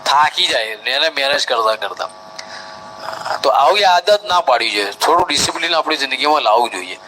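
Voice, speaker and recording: A man's voice: medium pitch, animated, brisk, pushed and bright, slight background noise, low-quality recording. A man with a Gujarati accent giving a live training talk as a Hajj trainer, explaining things step by step. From India. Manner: instructive, step-by-step, mimics crowds.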